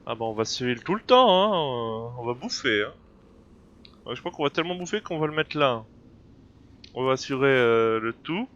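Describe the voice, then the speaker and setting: Talking through a game while sick with a cold, this gameplay video creator keeps hesitating, restarting and filling gaps as he tries to work out the action. He has a medium-pitched, fairly bright voice with lively intonation and a moderate pace. The casual commentary was captured at home, noisy and lo-fi.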